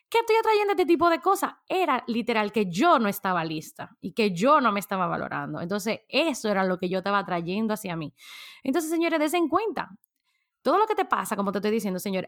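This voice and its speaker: Woman, raised pitch; casual, lively motivational coach speaking to camera. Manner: lively, chatty, laughs often, addresses the audience directly.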